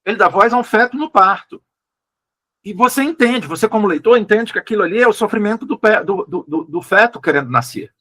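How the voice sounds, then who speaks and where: A Brazilian man, a literary translator, talking through his choices in a relaxed interview, with frequent restarts and questioning tags. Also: sits high, fairly quick, breathy edge. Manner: thoughtful, hesitant, many restarts and "né?" tags. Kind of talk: casual conversational interview.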